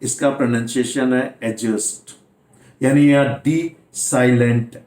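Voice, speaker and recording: A man's voice: medium pitch, a little slow, darkish tone, roomy sound. A man teaching English pronunciation in a video class, speaking Hindi mixed with English words and spelling words out letter by letter. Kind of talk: classroom-style video lesson.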